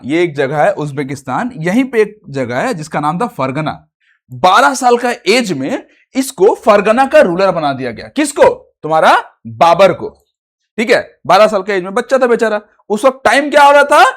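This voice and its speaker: A man's voice: high-pitched, a bit bright. A young man teaching a history lesson for exam prep, chatty, asking and answering his own questions and repeating "theek hai" often.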